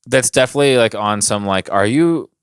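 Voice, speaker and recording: A young man co-hosting a casual podcast chat, telling stories in an animated way with lots of fillers. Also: medium pitch, a little fast, clear, resonant tone, no room sound, studio quality. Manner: animated storyteller, many fillers. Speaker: podcast co-host.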